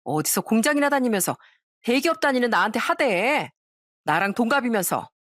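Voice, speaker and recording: Casting: a sneering, arrogant young sister-in-law, voiced by a woman, pitched high and lively. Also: brisk, no room sound, clean studio sound. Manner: sneering, contemptuous.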